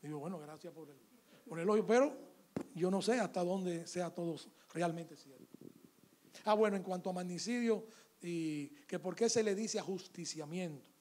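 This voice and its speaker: A man's voice: sits high, normal speed. A man with a Dominican Spanish accent, an author in an interview who tells a story and acts out both sides of the conversation. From Dominican Republic. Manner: animated anecdote, acts out dialogue.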